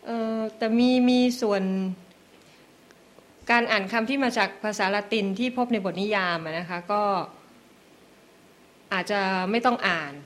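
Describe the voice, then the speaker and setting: A woman's voice: mid-range voice, a little slow, pauses often. A woman lecturer at a meeting, carefully and politely explaining reading rules step by step. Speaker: invited lecturer.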